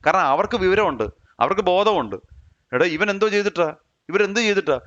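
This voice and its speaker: Animated Kerala man teaching the Bible. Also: high-pitched, a little fast, dull audio. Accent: Kerala Malayalam. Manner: animated, rhetorical questions, voice rising sharply.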